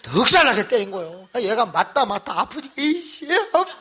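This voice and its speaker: Male pastor, raspy bright voice, lively storytelling sermon. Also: high-pitched, quick pace. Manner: animated storytelling, acts out shouting voices. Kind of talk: revival sermon.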